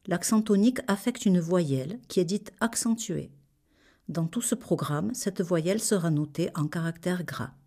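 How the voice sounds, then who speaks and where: A woman reading a scripted language lesson in a measured, clearly articulated way. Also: fairly low pitch, dark tone. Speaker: language teacher. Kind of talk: scripted instructional narration.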